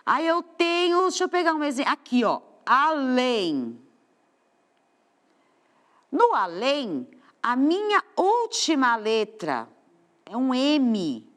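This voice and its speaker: A Brazilian woman teacher giving a studio lesson to children, explaining patiently and stretching out the stressed words. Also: on the high side. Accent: Brazilian Portuguese.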